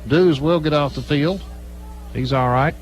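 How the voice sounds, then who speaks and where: Over loud music, a man with a fairly high-pitched voice calls live football play-by-play on the radio, a little slowly. His sports commentary comes in clipped, running, present-tense phrases.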